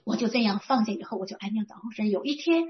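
A woman's voice: mid-range voice, lively intonation, fast, lo-fi sound. A woman in her sixties from Northeast China, speaking with a Northeastern Mandarin accent, gives an earnest, emotional religious testimony. She rises with fervor as she recalls her prayers. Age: 60s. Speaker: church member giving testimony.

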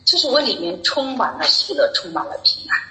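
A middle-aged woman shares her faith testimony as a church member, recorded in an echoey room. Her voice is a little high, pushed and bright, swinging widely in pitch at a brisk pace as she earnestly tells her story, repeating herself.

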